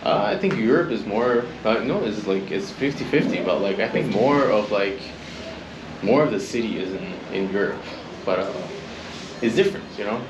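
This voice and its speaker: A man's voice: lowish voice, expressive, moderate pace, echoey room, background noise. Easygoing young man from Turkey. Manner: easygoing, fills with "like" and "you know". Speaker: vlogger. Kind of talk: casual chat.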